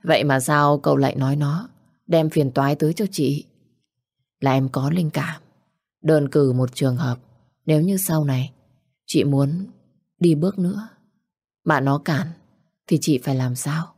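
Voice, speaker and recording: A woman's voice: sits low, a little slow, long pauses, a little mellow, slightly rough, no echo, studio quality, heavily acted. A woman voicing a grown man who acts as a fond uncle, chiding and giving fatherly advice. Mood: reasoning.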